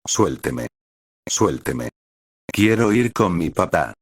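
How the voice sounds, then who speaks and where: A man's voice: low-pitched, big pitch swings, takes it slowly, no echo, full character voice. A man voicing a frightened, clingy little girl pony who pleads tearfully. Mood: pleading, tearful.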